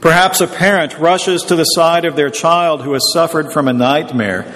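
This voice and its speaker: A man preaching a sermon in a measured, explanatory teaching tone. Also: fairly high pitch, fairly bright tone, long reverb tail.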